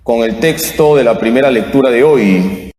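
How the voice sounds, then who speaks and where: A male priest reading the Gospel and preaching slowly and deliberately, chanting the responses, heard in a large church with a cathedral echo. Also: medium pitch, a little mellow. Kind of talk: Mass reading and homily. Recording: echoey church, voice from afar.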